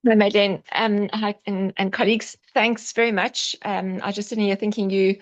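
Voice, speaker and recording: A woman's voice: medium pitch, flat delivery, brisk, no echo. Hesitant woman on a dull, dry call. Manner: hesitant, repeats words, friendly. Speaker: webinar participant, fellow clinician. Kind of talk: casual comment on a video call. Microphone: video call audio.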